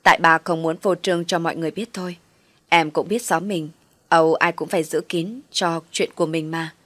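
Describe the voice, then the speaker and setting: Woman doing a gentle reassuring husband. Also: low voice, fairly even intonation, a little fast, no echo. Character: calm, reassuring young husband.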